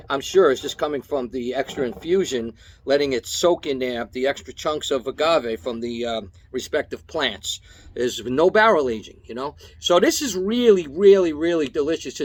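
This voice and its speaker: A man from Long Island giving a casual, enthusiastic tasting review to camera, repeating his praise and checking in with the viewer. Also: on the high side. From Long Island, New York. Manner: enthusiastic, keeps checking in with "okay?". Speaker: tequila reviewer.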